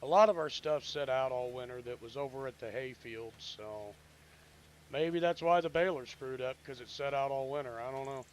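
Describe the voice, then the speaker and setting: A man giving casual gameplay commentary, rambling and thinking out loud in a laid-back, drowsy way. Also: mid-range voice, normal speed.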